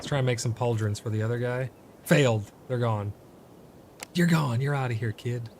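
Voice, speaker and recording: A man's voice: mid-range voice, fairly even intonation, fast, darkish tone, a little hiss or hum. A man giving casual gameplay commentary, often exasperated and swearing at his bad luck while crafting. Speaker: gameplay streamer.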